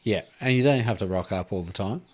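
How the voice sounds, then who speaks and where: A man, hosting a casual podcast chat in a relaxed, rambling way with lots of fillers. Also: lowish voice, fairly quick. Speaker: podcast host.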